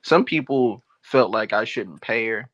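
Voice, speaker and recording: A man's voice: lowish voice, measured pace, dry recording, highs cut off. A man telling a sports bet story with slang and laughter in casual chat. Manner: animated storytelling, slangy, laughs while talking. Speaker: podcast host.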